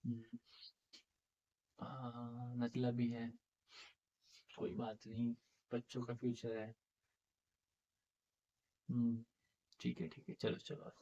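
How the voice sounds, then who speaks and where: A man's voice: medium pitch, monotone, slow, long pauses, warm tone. A man teaching a chemistry class, coaxing students with repeated questions, his voice a little heavy from being unwell. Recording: dull, muffled lo-fi sound.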